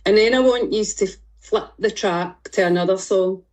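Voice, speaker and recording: A woman's voice: medium pitch, moderate pace, a little mellow. Direct Scottish woman coaching a group. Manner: direct, reassuring, guiding exercises. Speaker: fitness and mindset coach.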